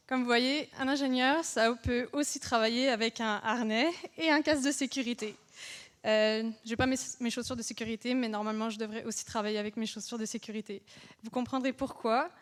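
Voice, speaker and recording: A young French engineer gives an interactive public lecture in a French accent, her voice sitting a little high. She talks loosely and chattily, asks the audience questions, and often pauses on fillers to check in with listeners.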